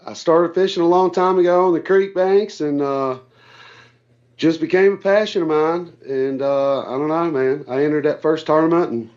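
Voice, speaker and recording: Speaking at a normal speed in a slightly high, steady, somewhat mellow voice, this male tournament angler chats as an interview guest over a remote call. He tells stories in a casual, folksy, plain-spoken way, and the lo-fi call audio sounds dull.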